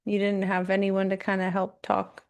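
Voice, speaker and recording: A woman's voice: mid-range voice, monotone, moderate pace, a little mellow. A woman co-hosting a casual chat, talking candidly and animatedly with asides and mild swearing. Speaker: podcast co-host.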